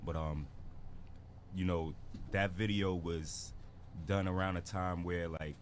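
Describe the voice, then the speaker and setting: Deep low-voiced guy from barbados, chill storyteller, bit of background hum. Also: fairly even intonation, takes it slowly. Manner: laid-back storytelling with slang. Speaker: guest rapper. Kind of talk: casual interview.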